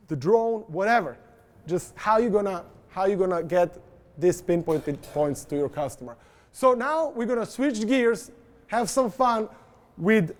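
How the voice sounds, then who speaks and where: Male presenter, high voice, casual joking delivery, talks straight to the audience. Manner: informal, joking, addresses audience directly. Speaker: industry presenter. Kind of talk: conference presentation. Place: event presentation.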